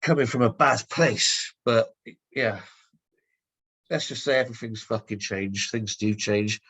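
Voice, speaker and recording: A man's voice: fairly low pitch, fairly even intonation, measured pace, fairly bright tone, slightly rough. A man talking casually on a podcast, airing a grievance in a blunt, rambling way with heavy swearing.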